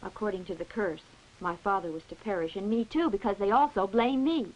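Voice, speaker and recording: A woman's voice: mid-range voice, a little fast, highs cut off, close to an everyday voice. A woman playing an anxious young heroine in a dubbed old horror film, earnest and melodramatic. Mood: fearful, insistent. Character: anxious young woman fearing a family curse.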